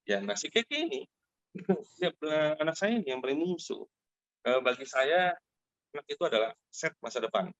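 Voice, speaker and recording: A middle-aged Zoom host tells a lively personal story about a product, casually addressing the online group as friends and filling his speech with fillers. His voice is mid-range, and the video call audio is dry, dull, and lo-fi.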